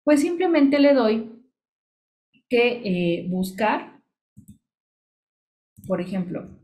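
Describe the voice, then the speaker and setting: A woman's voice: on the high side, big pitch swings, very slow, darkish tone. A woman giving a screen-share tutorial on social media tools, chatty and explanatory, walking through each click step by step. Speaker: social media business coach.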